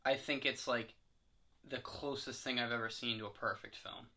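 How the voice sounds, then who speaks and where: A man's voice: mid-range voice, steady tone, normal speed, bright, forceful tone. A young man co-hosting a podcast, chatting casually in a rambling, hesitant way with lots of fillers. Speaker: podcast co-host. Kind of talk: casual chat.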